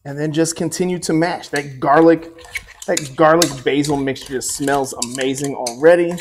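A man in his forties walks viewers through a recipe in his home kitchen, relaxed and chatty, often checking in with a quick "right?". His voice sits a little higher than most men's. Soft music plays faintly under the talk. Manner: easygoing, chatty, tosses in asides and "right?". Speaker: cooking show host. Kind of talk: relaxed cooking demonstration.

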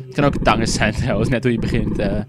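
A young man giving rambling, goofy gameplay commentary while tipsy, swearing often and breaking into sudden high-pitched outbursts. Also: steady tone, quick pace. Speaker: gaming YouTuber. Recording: loud background noise.

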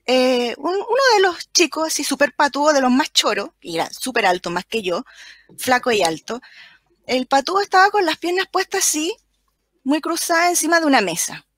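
A woman with a Chilean accent, a teacher telling a lively anecdote as a guest on a video call. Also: high voice, moderate pace, no echo. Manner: animated, acts out the children's voices. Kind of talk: storytelling anecdote in live chat.

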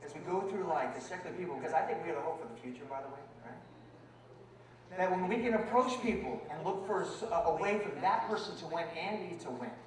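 A man's voice: high voice, animated, brisk. A man emceeing a rally, chatting playfully with the crowd before he brings on a comedian. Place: outdoor rally stage. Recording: echoey outdoor PA from far off.

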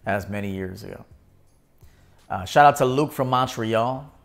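Soft background music plays as a man in his thirties hosts a live stream from a small indoor studio, his lowish voice unhurried and full of vocal fry. He reads and replies to viewer comments in a laid-back manner, shouting out viewers by name.

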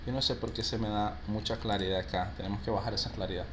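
Upbeat bilingual teacher, quick praise for students, faint noise behind. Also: male voice, lowish voice. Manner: lively, mixes Spanish and English, praises students often. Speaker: English teacher for call center agents. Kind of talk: live online class, reading out student answers.

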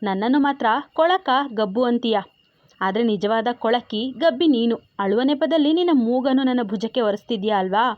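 A woman's voice: on the high side, animated, normal speed, dry recording, natural voice. A woman voicing a teasing, possessive young husband in a spoken love story, with a bossy way of talking. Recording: dry, slightly dull recording.

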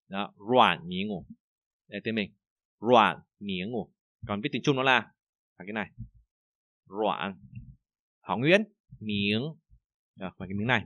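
Bright-voiced male teacher with a Vietnamese accent. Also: medium pitch, no echo. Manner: chatty, repeats words, many fillers; slow, loud model readings of Chinese phrases. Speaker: Chinese teacher. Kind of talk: online language class.

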